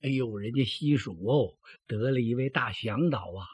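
A man, telling a traditional story with animated, dramatic delivery and a husky voice. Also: medium pitch, normal speed. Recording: dull lo-fi recording.

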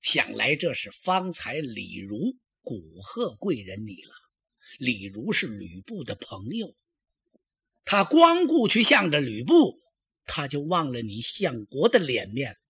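A tearful young concubine pleads and protests, her husky voice swinging widely in pitch. She is cunning beneath the tears, as a man in a traditional storytelling show plays her. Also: huge pitch swings, slow, a bit bright, no room sound, clean studio sound, heavily acted. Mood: sobbing protest.

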